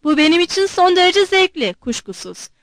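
A woman's voice: extremely high pitch, big pitch swings, brisk, fairly bright tone, no room sound, studio quality, full character voice. A woman voicing a stern, impatient male general in an audiobook, speaking curtly and guardedly.

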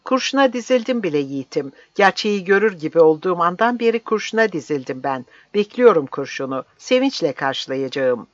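A reader voicing a fiery old village priest who shouts his defiance in an impassioned, declaiming way, on a dry, slightly dull recording. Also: medium pitch, very animated, fairly quick, few pauses, no echo, natural voice. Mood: defiant, shouting.

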